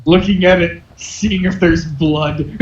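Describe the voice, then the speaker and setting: A man's voice: sits high, slow pace. A man playing a tabletop game casually, laughing often, in a dull, echoey recording with background noise. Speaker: player.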